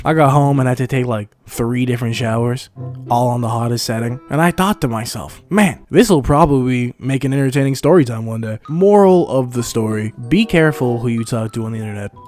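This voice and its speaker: A man's voice: mid-range voice, darkish tone. A young man from Montreal, telling a comedic story in a casual, crude style full of slang and joking asides. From Montreal, Canada. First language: English. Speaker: animated storyteller. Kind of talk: comedic story time narration.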